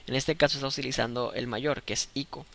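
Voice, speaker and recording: A man teaches an online chemistry lesson, speaking close to the mic. His voice is gravelly and bright, with a crisp edge. He explains patiently and keeps checking that the students are following. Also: medium pitch, steady tone, fast talker. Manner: patient, checks understanding with "¿de acuerdo?".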